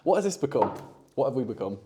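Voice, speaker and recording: Young male host, chatty, quick to laugh, medium pitch, trails off softly. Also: sing-song, background noise. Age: young adult. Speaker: podcast host. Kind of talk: casual chat.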